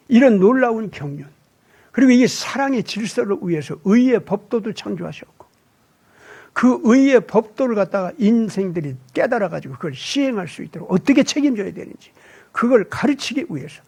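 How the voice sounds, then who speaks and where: A man voicing a suffering man who humbly confesses to God in prayer, his voice soft and husky. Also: high-pitched, exaggerated voice.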